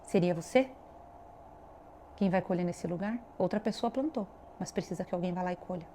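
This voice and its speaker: A woman's voice: fairly low pitch, brisk, mellow, slight background noise. A woman preaching a devotional video sermon, earnest and exhorting, speaking straight to the viewer. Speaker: online preacher.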